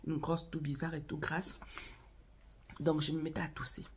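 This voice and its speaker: In a casual vlog about faith and marriage, the host speaks directly to viewers and tells a story, coughing and clearly suffering from a cold. She uses a low, level voice with a darkish tone at normal speed, over slight background noise.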